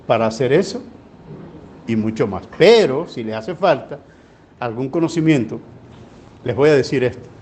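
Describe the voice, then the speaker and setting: Un pastor que predica en una iglesia, con tono de relato sencillo y muchas preguntas retóricas al público. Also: male voice, medium pitch, darkish tone. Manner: folksy storytelling with rhetorical questions. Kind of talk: sermon teaching. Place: church. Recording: live church recording with faint ambient noise.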